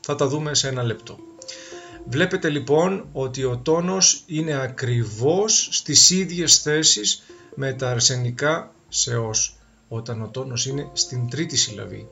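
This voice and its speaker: A man teaches a grammar lesson at a middle pitch, carefully reading out word forms one after another. The recording sounds a little dull and lo-fi. Soft guitar music plays faintly underneath. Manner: clear, deliberate, repeats word forms in lists. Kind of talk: grammar lesson explaining rules with examples.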